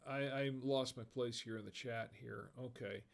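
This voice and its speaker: This livestream host is an American man whose gravelly voice sits at medium pitch, with fairly even intonation and a moderate pace. Between reading chat comments aloud, he cracks cheesy bar jokes and laughs at them himself.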